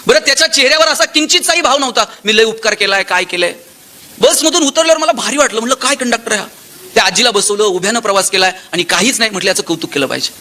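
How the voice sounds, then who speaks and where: A motivational speaker from Maharashtra, telling anecdotes and acting out the dialogue. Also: male voice, high-pitched, rapid-fire. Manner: animated storyteller, acts out dialogue with shifting tone.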